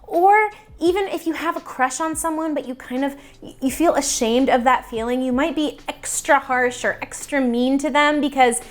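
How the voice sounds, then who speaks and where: A woman's voice: high-pitched, normal speed. A young adult woman hosting her own video channel, explaining a topic in a casual, upbeat and emphatic way to camera. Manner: upbeat, emphatic, playfully repetitive. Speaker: YouTube host.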